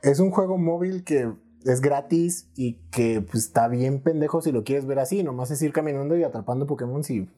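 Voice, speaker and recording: A man's voice: medium pitch, moderate pace, few pauses, mellow. A young Mexican man co-hosting a casual podcast, arguing his views with plenty of swearing and laughter. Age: young adult. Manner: opinionated, swears freely, laughs often. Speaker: podcast co-host. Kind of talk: casual chat.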